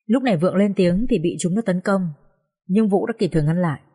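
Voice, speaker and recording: A woman reading the part of a calm, careful schoolteacher in an audio story, giving a measured account of events. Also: on the low side, slightly rough. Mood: recounting.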